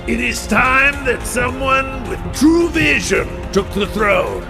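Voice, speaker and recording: A man's voice: extremely high pitch, lively intonation, takes it slowly, heavily acted. An actor playing a mad, theatrical usurper king in a video game, mocking and grandiose. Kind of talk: video game villain acting. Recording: music loud behind the voice.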